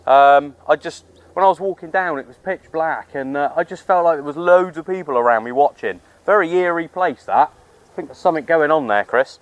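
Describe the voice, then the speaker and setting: On the high side and fairly quick, this man's voice comes through dull but without echo. He's a radio hobbyist vlogging casually on a hilltop with matey slang, and outdoor background noise is clearly audible.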